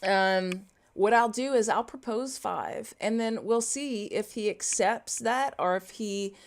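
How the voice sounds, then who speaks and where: A Louisiana woman with a Cajun English accent chats casually through a livestream coding tutorial, reading viewer comments aloud and riffing on them. Her voice sits at medium pitch, slow-paced and creaky.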